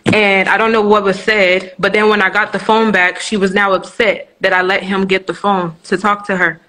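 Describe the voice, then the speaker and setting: A woman's voice: medium pitch, flat delivery, moderate pace, sharp tone, rough recording. Young woman telling her story candidly. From Nigeria. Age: 20s. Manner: candid, frank storytelling with many restarts and fillers. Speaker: interview guest. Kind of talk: live-streamed interview.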